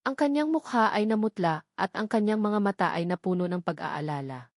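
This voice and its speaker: This Filipino-accented woman narrates a dramatic scripted audiobook in a medium-pitched, slightly mellow voice. Her delivery is brisk with lively intonation, and the studio recording is clean and free of room sound.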